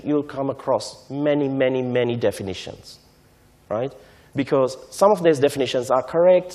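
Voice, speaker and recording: A man, giving a measured, explanatory lecture to a conference audience and often checking in with "right?". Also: mid-range voice, warm tone. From Sri Lanka. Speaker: invited speaker on technology transfer.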